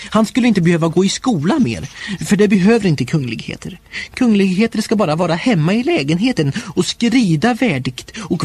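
A man narrating a comic first-person diary storybook in a playful, expressive way. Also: high-pitched, husky, no echo. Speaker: audiobook narrator.

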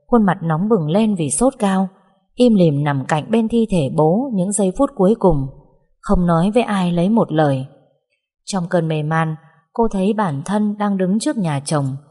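Low husky woman reading a sad tale slowly, lots of reverb. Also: mellow. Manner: slow, mournful storytelling. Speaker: narrator. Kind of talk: scripted narration of a sad story. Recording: long hall reverb.

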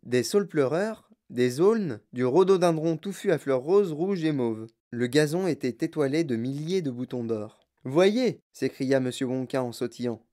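A woman narrating a children's story in an expressive audiobook reading. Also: very deep voice, moderate pace, few pauses.

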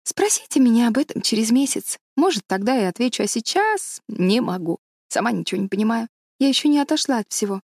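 A woman reading an audiobook, voicing an excitable, dreamy young woman schoolteacher who talks eagerly. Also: fairly high pitch, fast, no room sound, studio quality, pitched above the performer's own voice. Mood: excited.

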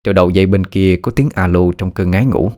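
A man's voice: deep voice, quick pace, dark tone. A man narrating a horror story. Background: faint music.

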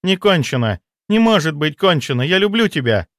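A man voicing a shrill, hysterical jealous woman. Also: very animated, moderate pace, fairly bright tone, no echo, studio quality. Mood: angry. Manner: pleading, then shrill and desperate. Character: jealous, hysterical female doctor, young adult.

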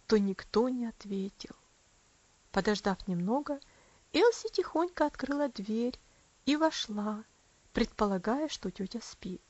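Woman reading a storybook, high soft voice, kinda dull lo-fi recording. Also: no room sound. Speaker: audiobook reader. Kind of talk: storybook narration.

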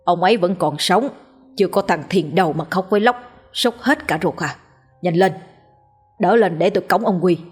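A woman voicing a gruff, blunt village man in a ghost story, with a husky voice. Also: fairly low pitch, normal speed, a little mellow, soft background music. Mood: brusque.

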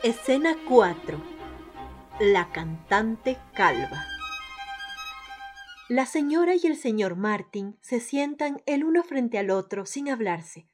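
A woman presenting and narrating a radio theatre programme in a lively, exclamatory way. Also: fairly high pitch, takes it slowly, soft background music. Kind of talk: playful radio show intro and scripted narration.

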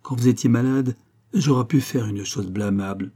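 A man voicing a devoted, fretful old male servant who talks in a pleading, fervent way, his voice husky. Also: mid-range voice, normal speed, dark tone, close to an everyday voice. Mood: grumbling.

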